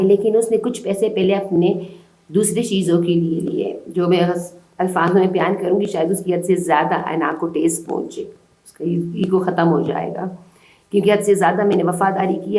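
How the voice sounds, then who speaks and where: A woman's voice: lowish voice, a little mellow. A woman from Balochistan in Pakistan, giving urgent, distressed testimony to a reporter. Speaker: interviewee. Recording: roomy echo.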